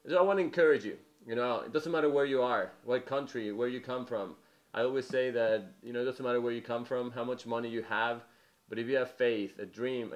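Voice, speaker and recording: A young man from Mexico delivers a testimony sermon. He talks earnestly and informally, leaning on "you know" as he goes, with a voice of middling pitch. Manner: earnest, conversational, many "you know" fillers. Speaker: preacher.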